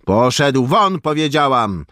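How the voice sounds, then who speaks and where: A man's voice: big pitch swings, slow pace, no echo, studio quality, exaggerated voice. A man shrilling as a furious peasant housewife. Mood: furious scolding. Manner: shrill scolding yell. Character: angry stout peasant housewife, sharp-tongued.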